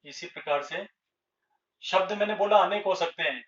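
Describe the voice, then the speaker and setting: A man teaching a grammar lesson at a board, speaking slowly and deliberately and repeating each example word. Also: high-pitched, a bit bright. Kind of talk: blackboard Hindi grammar lesson. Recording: echoey room, distant lo-fi mic.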